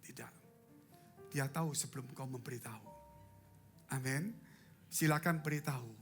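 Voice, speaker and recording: Male pastor, live sermon, theatrical swings between loud and hushed, jokes with the congregation, faint music underneath. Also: medium pitch, normal speed. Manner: dramatic, leaps from loud cries to hushed asides; humorous, asks the congregation questions. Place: church sanctuary.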